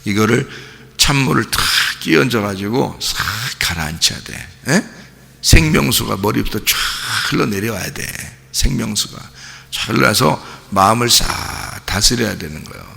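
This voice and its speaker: A man's voice: on the low side, lively intonation, normal speed, creaky, pushed and bright. A male pastor gives an early-morning sermon, stressing his words with emphatic repetition and keeping the congregation engaged with constant questions. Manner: keeps asking the congregation questions; emphatic, repeats key words. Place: church sanctuary. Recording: long church-hall reverb.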